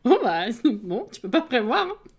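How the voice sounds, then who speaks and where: A woman with a slightly high voice talks loosely to her live-stream viewers. She greets them one by one and laughs easily between remarks. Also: sing-song, measured pace, husky.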